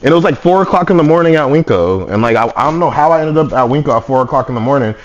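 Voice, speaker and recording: Animated young man telling a wild story. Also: rapid-fire, muffled recording. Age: young adult. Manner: animated, repetitive storyteller, drops into low voice for quotes. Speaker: podcast co-host. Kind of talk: casual storytelling chat.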